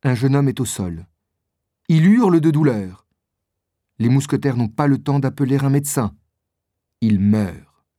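A man reading a story aloud as narrator, in slow, clearly articulated scripted audiobook narration. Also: medium pitch, animated, warm tone, no echo. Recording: dry close studio voice.

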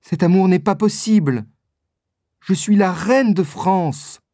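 A man's voice: sits high, slow, mellow, no echo, clean studio sound, pitched above the performer's own voice. A man reading a storybook aloud, voicing a sad, dignified queen with a firm, raised delivery.

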